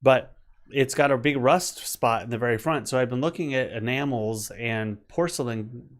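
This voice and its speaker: A man's voice: medium pitch, moderate pace. A man in his forties co-hosting a casual live chat from home, rambling through stories. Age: 40s. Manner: chatty, rambling storyteller. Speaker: co-host.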